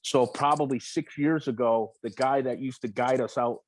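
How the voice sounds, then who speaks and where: A man as a podcast guest, telling stories in a relaxed, rambling way with lots of swearing and restarts. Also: medium pitch, normal speed. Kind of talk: casual interview storytelling.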